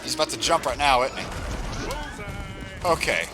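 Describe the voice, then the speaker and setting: A man's voice: mid-range voice, animated, normal speed, background noise. A man giving casual, reactive live commentary as he plays a video game, often exclaiming. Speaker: gamer doing a live playthrough. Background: video game music and sound.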